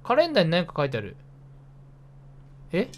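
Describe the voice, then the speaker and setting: A man with a fairly high voice and huge swings in pitch streams a horror game, talking casually to himself as he narrates his moves. He's jumpy and easily spooked, letting out sudden yelps and rapid, repeated startled exclamations.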